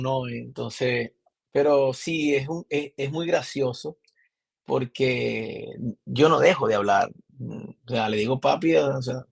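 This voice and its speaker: Young venezuelan guy, maracaibo accent, guest on a podcast, husky gravelly voice, rambles and restarts. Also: mid-range voice. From Venezuela, Zulia. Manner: animated storyteller, many restarts. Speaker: podcast guest, film director. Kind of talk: casual interview chat.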